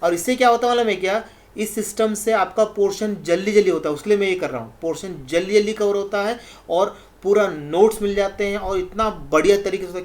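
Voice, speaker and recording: A male chemistry teacher giving a recorded lecture who reads definitions out slowly, word by word, repeats each point and keeps checking whether his students follow, in a reassuring tone. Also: high voice. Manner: reassuring, encouraging tone. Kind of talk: recorded exam-prep lecture.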